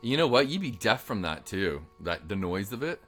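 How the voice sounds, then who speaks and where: A man's voice: lowish voice, big pitch swings, moderate pace, fairly bright tone, soft background music. A man in his forties chatting through a movie commentary with dry, wry asides. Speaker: podcast co-host. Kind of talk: casual movie commentary chat.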